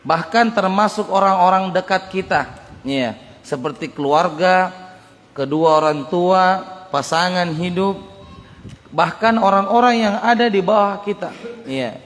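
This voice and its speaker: A male religious teacher lectures with a fairly high voice. He explains in an unhurried, repetitive way. The voice trails in a long reverb, as in a large prayer hall. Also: a bit bright. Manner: explanatory, repeats points, mimics harsh speech for examples. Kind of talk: dawn study lecture explaining a book.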